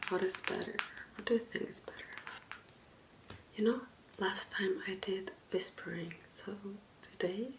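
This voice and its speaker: A woman who is not a native English speaker, whispering soft ASMR book talk close to the mic and asking viewers questions directly. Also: mid-range voice, poor audio. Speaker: ASMR creator.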